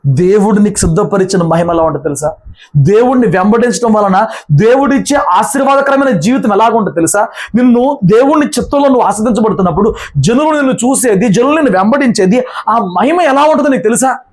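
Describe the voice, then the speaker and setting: A man's voice: high-pitched, lively intonation, quick pace. A pastor preaching a sermon in a colloquial, emphatic way, acting out the brothers' lines as he retells the story.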